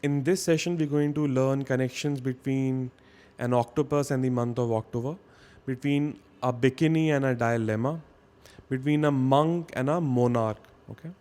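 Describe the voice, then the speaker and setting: A man teaching a vocabulary lesson at a mid-range pitch, in a casual, talky style. He explains each point step by step and keeps checking in with listeners by asking "okay?". He sounds like someone used to speaking to a class. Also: moderate pace, darkish tone. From India.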